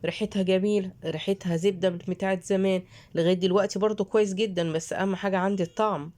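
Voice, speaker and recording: A woman's voice: medium pitch, fairly even intonation, racing, a little mellow. A woman with an Egyptian accent chatting to her viewers in a casual product review vlog, talking them through unwrapping as she goes. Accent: Egyptian Arabic. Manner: chatty, addresses viewers directly while unwrapping. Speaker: vlogger.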